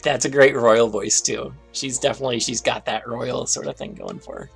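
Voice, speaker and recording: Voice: mid-range voice, fairly even intonation, moderate pace, gravelly, faint music behind. A game developer hosting a live stream in a casual, chatty style.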